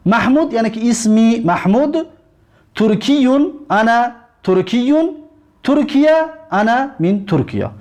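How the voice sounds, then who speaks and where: Casting note: male teacher with a Tajik accent and a high voice, patient and repetitive, recorded lesson. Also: a little mellow. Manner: explains words slowly, repeats and translates them. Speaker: language teacher. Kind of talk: recorded lesson explaining textbook exercises.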